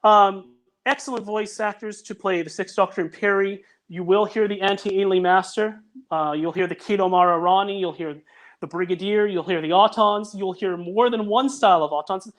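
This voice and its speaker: A podcast guest who makes audio dramas chats casually over a video call at a moderate pace. His voice is high-pitched with a steady tone, and he sounds earnest, frequently going back to restart sentences.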